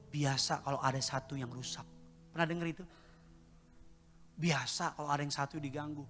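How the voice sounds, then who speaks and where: A man in his fifties preaching a sermon at a live church service, swinging between loud, impassioned outbursts and hushed, slow stretches. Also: a little high. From Indonesia. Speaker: pastor. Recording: live church recording with long reverb and music behind.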